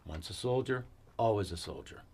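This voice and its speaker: An actor playing a weary cavalry fort commander in a western film, giving measured, authoritative orders. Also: male voice, lowish voice, lively intonation, darkish tone, a little hiss or hum. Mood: stern. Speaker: army post commander.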